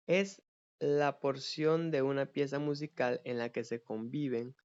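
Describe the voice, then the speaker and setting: A man teaching an online music theory lesson. He explains patiently, counts beats aloud and keeps checking in with a quick "ok?". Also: mid-range voice, a little mellow, dull audio.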